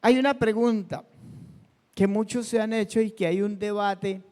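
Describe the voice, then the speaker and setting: A man's voice: high voice, fairly even intonation, normal speed, darkish tone, smooth. A male pastor preaching a sermon in a conversational way, asking his congregation questions and telling personal stories. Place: church hall. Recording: long hall reverb.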